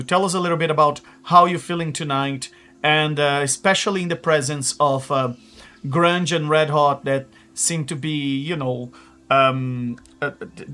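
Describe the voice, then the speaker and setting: A man's voice: fairly high pitch, fairly bright tone. Chatty man hosting a tabletop game. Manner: chatty, hesitant with many fillers, laughing asides. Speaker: game master. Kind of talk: live-play host introducing players.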